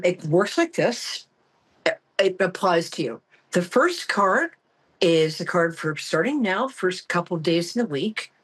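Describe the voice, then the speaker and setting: A woman hosting a psychic tarot show in a campy, theatrical, self-mocking way, chatting comically and casually with a husky voice. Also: mid-range voice, rough recording. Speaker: psychic tarot reader and call-in show host. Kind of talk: casual, comic monologue to listeners.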